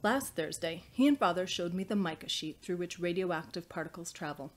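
Her voice is on the low side, animated, and fairly quick as she reads. The woman, an author in her thirties, presents her novel through scripted, audiobook-style narration in a small indoor study with bookshelves.

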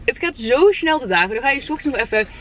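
A woman's voice: sits high, expressive, fast talker, fairly bright tone, a little hiss or hum. A young woman chats casually and informally to her viewers as a vlogger. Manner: chatty, informal, addressing viewers. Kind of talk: casual vlog chat.

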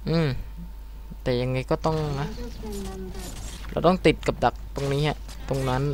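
A young man hosting a let's play video, commenting on his gameplay casually, swearing and swinging between startled shouts and low mutters. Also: fairly even intonation, unhurried, noisy background. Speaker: gaming channel host.

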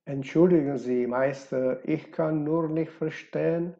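Man voicing an anxious young fiancé, worried and pleading, slow, dull lo-fi sound. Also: fairly high pitch, fairly even intonation, creaky, warm tone. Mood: defensive.

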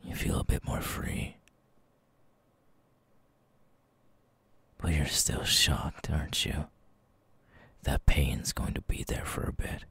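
A man playing a menacing, teasing eyeless night creature in an ASMR roleplay, whispering in a breathy, gravelly, slow and deliberate way. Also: a bass voice, level tone, sharp tone, dry recording, full character voice. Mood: darkly fond.

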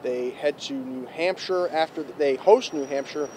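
A young man reporting a postgame recap outdoors on a handheld mic, brisk and stat-heavy. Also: a little high. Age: young adult. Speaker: student sports reporter. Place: outdoors in front of an arena. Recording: faint street noise outdoors.

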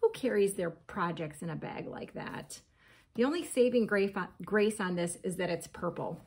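Woman in her 40s, casual crochet vlogger, chatty and giggly, light vocal fry, home kitchen. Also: mid-range voice, animated, normal speed, a little hiss or hum. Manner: chatty, laughs often, reads labels aloud. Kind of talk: casual yarn haul chat.

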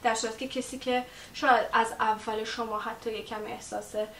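A woman's voice: little pitch movement, a bit bright. A woman teaching online in a casual talk to camera, chatty and prone to digressions, mixing English words into her speech. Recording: echoey room, mic far off, faint rumble.

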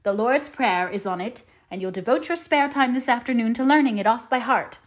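A woman voicing a stern, practical older female guardian in an audiobook, brisk and matter-of-fact. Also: fairly high pitch, pitched above the performer's own voice, close to an everyday voice. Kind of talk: audiobook character voice.

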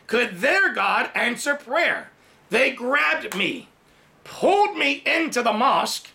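A man in his forties who grew up in Thailand preaches a sermon from his home study, indoors among bookshelves, telling a personal testimony in a very high voice. He tells the story animatedly with big, lively hand gestures, recorded by a camera at desk distance.

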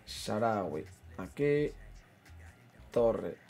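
A man's voice: lowish voice, sing-song, extremely slow, vocal fry, a little mellow, faint music behind. A man, a gaming streamer chatting casually over a football management game, muttering to himself and reading out chat. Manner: banters, mutters, reads chat aloud. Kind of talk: casual gameplay commentary.

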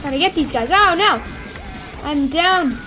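A woman giving playful, excitable commentary while playing a game, squealing and yelping whenever things go wrong. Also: high-pitched, measured pace, soft background music. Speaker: gameplay streamer.

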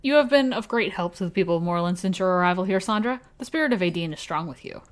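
A woman voicing a kindly older male village blacksmith in a vague put-on accent, reading game dialogue aloud in a formal, warm way. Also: on the low side, animated, quick pace, lightly acted.

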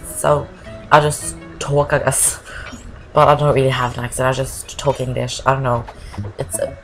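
This gameplay commentator, a non-English-speaking Norwegian woman, talks in a creaky, rumbling low voice over a game walkthrough. Her casual commentary rambles and is full of "I guess," and the poor audio has loud game music behind her voice.

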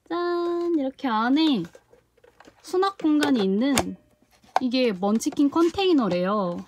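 Excitable young woman unboxing a toy. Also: fairly high pitch, background noise. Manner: excited gasps and exclamations while handling the product. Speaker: toy review vlogger. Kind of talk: casual unboxing review.

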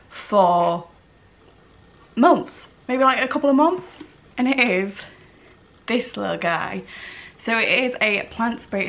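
A woman's voice: medium pitch, a bit bright. A young British woman in her twenties chatting casually in a home haul vlog, upbeat and rambling with fillers. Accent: British English. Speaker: vlogger. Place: home living room, indoors.

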